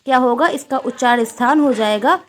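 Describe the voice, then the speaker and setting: A woman's voice: fairly high pitch, fairly quick. A woman teaching a Sanskrit exam-prep lecture, asking questions and repeating the answers.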